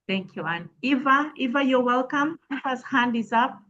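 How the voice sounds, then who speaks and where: A woman's voice: high-pitched, expressive, moderate pace, fairly bright tone. A woman moderates a Q&A session on a video call, formal and polite. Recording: dull lo-fi audio.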